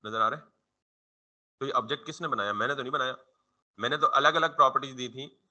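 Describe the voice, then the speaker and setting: Bright-voiced man teaching a coding class. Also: medium pitch, quick pace, highs cut off. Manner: keeps quizzing the listener with rhetorical questions and answering them; informal, conversational classroom explaining. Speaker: programming instructor. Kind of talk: coding tutorial lecture.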